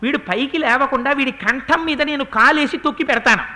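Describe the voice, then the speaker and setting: A heroic prince gives his brother steady orders, as a man puts him on in a storytelling sermon. The voice stays bright and close to the speaker's own. The tone is instructive and unhurried. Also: very high-pitched, exaggerated voice. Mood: commanding.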